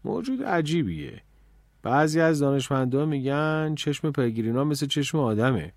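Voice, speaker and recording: A man voicing a weary middle-aged father who loves birds, subdued and low in his speech. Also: animated, no room sound, studio quality. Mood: eager.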